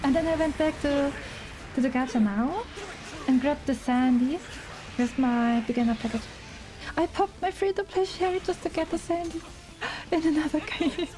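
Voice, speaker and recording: A high-pitched woman from Germany, speaking with a German accent at normal speed, chats casually as a game streamer, informal, giggly and enthusiastic in her livestream commentary. Music plays in the background and the audio quality is poor.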